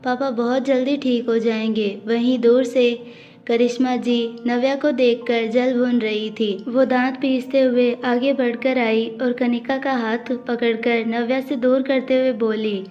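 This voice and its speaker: A woman narrating an audiobook story in a steady, even reading. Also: fairly high pitch, unhurried. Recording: dull audio with faint music.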